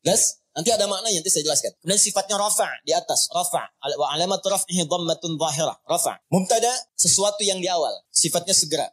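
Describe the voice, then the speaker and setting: A man teaching a class on Arabic grammar, who keeps asking his listeners questions and then answers them himself, and slowly recites Arabic phrases between his explanations. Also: sits high, a bit bright, slightly rough. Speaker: teacher of Arabic and Quran reading.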